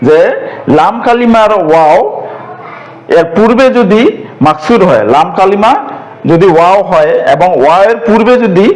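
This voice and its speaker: A man giving a recorded lesson on Quranic Arabic grammar, speaking slowly and patiently, repeating terms and pausing on fillers. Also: sits high, lively intonation, darkish tone, rough recording.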